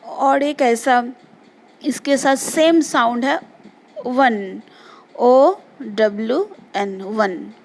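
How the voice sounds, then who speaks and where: Slow-spelling woman teacher, high voice. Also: a little mellow, a little hiss or hum. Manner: slow, spells words letter by letter and explains meanings. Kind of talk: remote English lesson for children.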